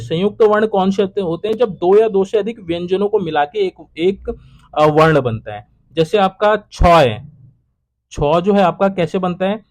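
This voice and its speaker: Young male exam tutor, slightly high voice, repetitive question-by-question delivery that drops off low. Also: a little mellow. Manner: repetitive, drops to a low trailing voice at each close. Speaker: exam prep teacher. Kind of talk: solving quiz questions aloud.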